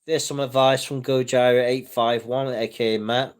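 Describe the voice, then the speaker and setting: Reading comments from viewers, a middle-aged livestreamer from the UK speaks at medium pitch with fairly even intonation and a moderate pace. His voice is clear and resonant, and he chats loosely and reassuringly, often starting sentences over.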